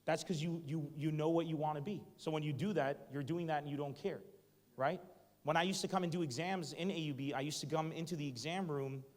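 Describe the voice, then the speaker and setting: A man's voice: a little high, fairly even intonation, fairly quick. A man, a stand-up comedian, giving a motivational talk to students, joking and questioning the audience directly. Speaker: guest speaker, stand-up comedian. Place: university hall before a student audience. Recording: echoey lecture hall.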